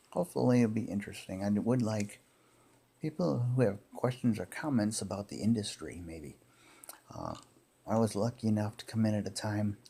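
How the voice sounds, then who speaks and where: A man in his fifties chatting casually in an unhurried, halting, rambling monologue, with a gravelly, husky voice. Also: on the low side, mellow. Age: 50s. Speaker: pipe hobbyist and former tobacco shop worker.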